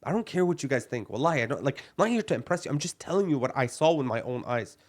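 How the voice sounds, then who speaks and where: A man's voice: medium pitch, animated, fast talker. A young man from Palestine, a podcast co-host, arguing bluntly and emphatically in a heated discussion, peppering his talk with "bro" and Arabic phrases.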